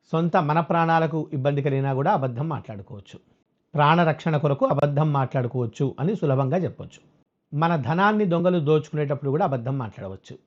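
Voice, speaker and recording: A man giving a religious discourse as a spiritual teacher, explaining scripture and slowly chanting verses, on a dull lo-fi recording. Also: a little high.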